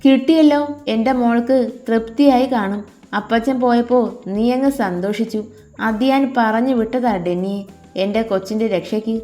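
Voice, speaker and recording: A woman's voice: on the high side, normal speed, dark tone, soft background music, close to an everyday voice. Woman playing an affectionate old grandmother. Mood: scolding. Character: loving old grandmother, protective of her granddaughter.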